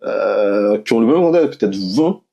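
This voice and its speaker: A man's voice: fairly low pitch, lively intonation, a little slow, vocal fry, dark tone, highs cut off. A man hosting a casual faith podcast, talking in a repetitive way and backing up his guest with frequent affirmations. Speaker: host.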